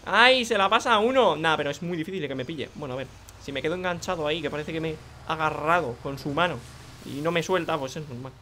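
Excitable young man from Spain, bright voice. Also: fairly high pitch, quick pace, slight background noise. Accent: Spain Spanish. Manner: excitable, joking, frequent exclamations. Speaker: gaming video creator. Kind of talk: casual gameplay commentary.

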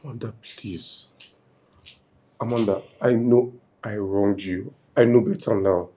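An actor playing a remorseful young man, softly pleading with his partner to forgive him. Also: on the low side, fairly even intonation, a little slow, slight background noise, natural voice. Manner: pleading, soft and broken.

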